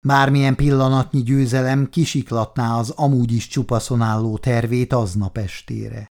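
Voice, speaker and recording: A man narrating an audiobook in a steady, measured reading voice. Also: mid-range voice. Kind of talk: scripted narration.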